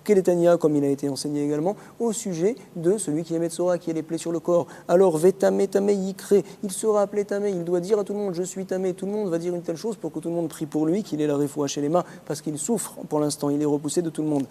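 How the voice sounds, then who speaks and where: French rabbi explaining talmud fast, dark mellow voice, tosses in hebrew terms as he goes. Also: fairly high pitch, steady tone, big-room sound. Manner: quick explanatory teaching, mixing Hebrew and Aramaic terms. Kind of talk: word-by-word Talmud lesson.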